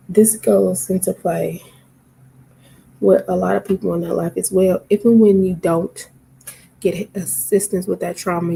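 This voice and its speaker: A woman's voice: fairly low pitch, creaky, warm tone, slight background noise, poor audio. A tired, sleepy woman talking casually to camera, rambling with lots of fillers. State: sleepy, yawning.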